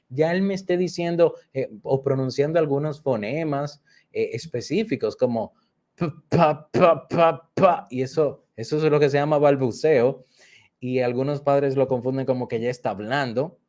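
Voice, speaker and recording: Guy giving a workshop talk, warm mellow voice, patient, says stuff twice to make it stick. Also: mid-range voice. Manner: patient, repeats key points, addresses audience directly; acts out children's repeated phrases. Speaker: instructor. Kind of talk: explanatory workshop lesson.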